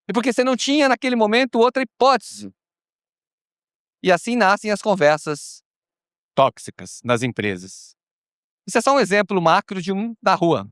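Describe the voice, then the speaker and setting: A Brazilian man speaking on a conference panel, expressive and acting out little dialogues with casual swearing. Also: high voice, no room sound, clean studio sound. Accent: Brazilian Portuguese. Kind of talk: animated panel talk. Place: conference stage.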